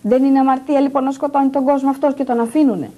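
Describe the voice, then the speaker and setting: A woman's voice: high-pitched, fairly even intonation, warm tone, a little hiss or hum. A distressed middle-aged woman giving agitated, insistent testimony in a news interview, repeating her points. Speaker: interviewee, patient's daughter.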